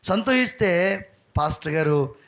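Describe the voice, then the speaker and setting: A man's voice: high voice, lively intonation, unhurried, background noise. A male pastor preaching a live sermon and telling a testimony story. He urges the congregation to praise and acts out the lines of the people in his story. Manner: fervent preaching, calls out for praise; retells stories, acting out each person's lines.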